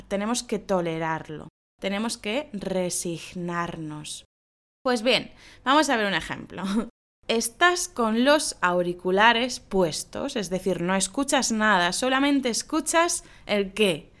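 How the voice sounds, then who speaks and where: A woman's voice: mid-range voice, a bit bright. A woman hosting a casual podcast lesson, laughing often and acting out example phrases. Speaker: Spanish teacher, podcast host.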